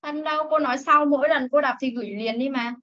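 A woman teaching an English class over a video call, reading sentences slowly for students to repeat and correcting them firmly. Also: high-pitched, sharp tone. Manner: reads English slowly for repetition, scolds firmly. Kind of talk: online class instruction. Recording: dull lo-fi meeting recording.

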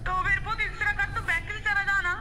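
A woman's voice: very high-pitched, level tone, rapid-fire, background noise. A woman phoning as a scam caller who claims to be an aunt, pleading and insistent, sometimes crying.

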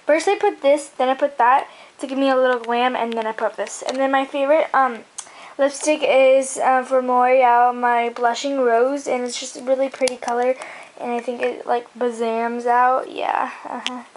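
High-voiced girl rambling about makeup. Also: flat delivery, normal speed, a little hiss or hum, rough recording. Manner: rambling, many fillers and restarts. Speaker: beauty vlogger. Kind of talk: casual chat.

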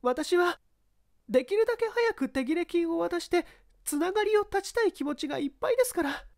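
In a dramatized mystery reading, a female reader voices a young woman giving detailed testimony in polite, formal phrasing. Her voice is high and lively, and she sounds earnest as she explains at a brisk pace. The recording is dry and composed, with no room sound.

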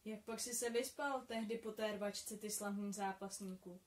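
A woman reading the part of a friendly, teasing young man who has had many adventures, in a calm, kindly storytelling tone. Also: medium pitch, roomy sound, close to an everyday voice.

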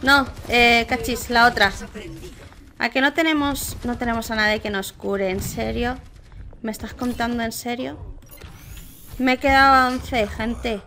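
A woman with a Spain Spanish accent talks through her match in a bright, fairly high voice, taking it slow and chatty between sudden loud cries for help. Her gaming commentary comes through a desk mic with a faint hiss of background noise. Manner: chatty, reacts loudly with exclamations and cries for help. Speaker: gaming streamer. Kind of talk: casual gameplay commentary.

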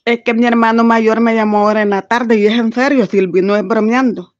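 Woman, caller, earnest, high voice. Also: fairly even intonation, a little fast, lo-fi sound. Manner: earnest, tells a personal story. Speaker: guest caller. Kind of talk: casual chat on a live stream.

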